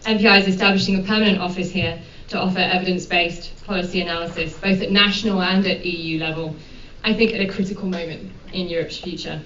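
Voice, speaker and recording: A woman moderator opens an event with formal introductions, pausing often on ums and uhs. She sounds set back from the microphone in a reverberant room. The recording is dull, with a faint hiss underneath. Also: fairly low pitch, steady tone, fairly bright tone. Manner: measured, with frequent ums and uhs. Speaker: panel moderator. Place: conference room. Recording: dull, echoey hall from far off.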